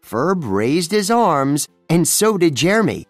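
A narrator reading a children's storybook aloud, with expressive storytelling. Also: mid-range voice, slow, no echo, faint music behind. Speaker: storybook reader.

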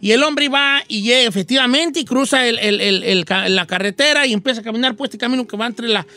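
A male radio host with a Mexican Spanish accent tells a comic folk tale in a chatty, slangy style, making his own sound effects. His very high voice is fast, bright and forceful.

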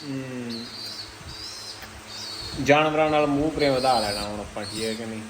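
A man's voice: medium pitch, fairly even intonation, normal speed. A man with a Punjabi accent chatting casually as a pigeon-keeping vlogger, often coaxing his birds with repeated calls and endearments. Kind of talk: casual vlog chat. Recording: noisy handheld recording with ambient sounds.

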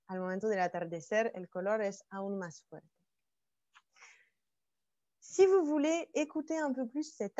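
A woman's voice: on the high side, a little mellow, no room sound, dull audio. A woman from France teaching a bilingual online class, explaining each French phrase again in Spanish.

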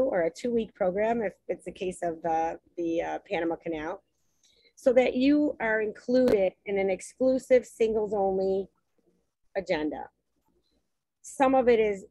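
A woman's voice: mid-range voice, mellow, no echo, rough recording. A woman hosting a travel webinar on a video call, talking through a shared screen in a chatty way with many ums and restarts. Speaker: host presenting travel packages. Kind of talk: webinar presentation while sharing screen.

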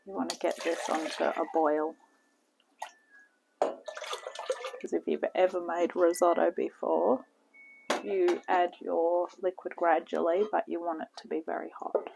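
A woman giving a relaxed, step-by-step cooking demonstration in her home kitchen, talking toward a camera on the counter. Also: fairly low pitch, gravelly. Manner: slow, relaxed step-by-step instructions with frequent "okay". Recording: noisy home video with kitchen clatter.

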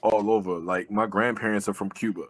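A man's voice: fairly low pitch, fairly even intonation, fairly quick. A man, talking loosely over a video call as an interview guest, with plenty of fillers and swearing. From born in Jamaica, raised in Brooklyn. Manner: loose, conversational, swears freely, many fillers. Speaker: guest, army veteran and pro boxer. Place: living room indoors. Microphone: webcam with earbuds.

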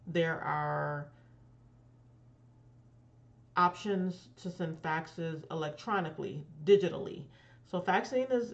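A woman's voice: sits low, lo-fi sound. A woman with a lisp from braces on her teeth, speaking as a consultant and channel host giving a casual recommendation. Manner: careful effort to articulate clearly.

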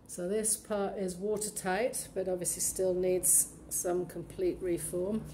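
A woman estate agent carries a handheld phone camera through an empty, run-down townhouse, pointing out its features in a practical, matter-of-fact way. Her voice is lowish and warm, with little pitch movement and a slow pace. The bare rooms echo, and there is slight background noise and faint ambience.

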